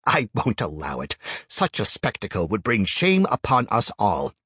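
A man voicing a haughty booming clan arbiter. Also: huge pitch swings, moderate pace, bright, forceful tone, slightly rough, no echo, clean studio sound, heavily acted. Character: pompous haughty middle-aged male clan arbiter.

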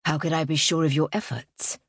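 A woman voicing a stern, controlling older father in a low, firm, measured voice in an audiobook reading. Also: steady tone, slightly rough, no echo, studio quality. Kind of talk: audiobook narration.

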